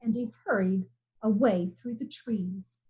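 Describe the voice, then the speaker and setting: A woman narrating a children's picture book aloud in an expressive storytelling way. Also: mid-range voice, a little slow. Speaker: storybook reader.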